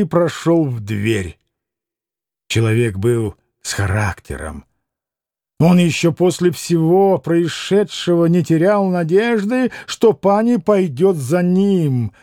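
A man reading a classic novel as an audiobook in a measured, expressive way. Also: a little high, no room sound, clean studio sound. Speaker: audiobook narrator.

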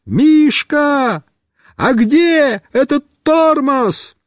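A man voicing a frightened young boy who yells in alarm while he is stuck riding in circles in a storybook reading. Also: very high voice, drawn-out words, dry recording, studio quality, voice pushed up, exaggerated voice. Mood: panicked, yelling. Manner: yelling in alarm. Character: panicked young boy stuck on a runaway bike.

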